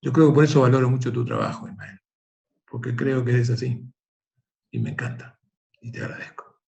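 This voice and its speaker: A man, the guest of an interview, telling a parable and reflecting in an animated, conversational way. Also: medium pitch, fairly quick, creaky. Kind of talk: conversational storytelling.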